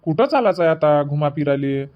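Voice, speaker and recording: In a Marathi dub of a comedy cartoon, a man plays an easygoing young husband who coaxes and reassures his wife while constantly making excuses. His voice is a little high, animated and slightly fast, natural-sounding despite the dull audio.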